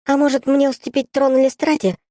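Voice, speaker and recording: Tiny bossy squirrel queen that a guy puts on, way up high and squeaky, kinda distant from the mic. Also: little pitch movement, a little fast, mellow, dry recording, studio quality. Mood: haughty. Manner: squeaky, imperious. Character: pompous fluffy squirrel empress, small, female. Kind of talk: audiobook character voice.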